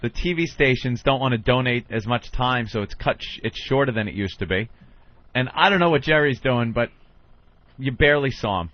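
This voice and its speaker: A man's voice: mid-range voice, expressive, a little fast, dry recording, muffled recording. A male radio host, bantering in a wry, mocking way. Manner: wry, mocking, drops into mimicking voices. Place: radio studio.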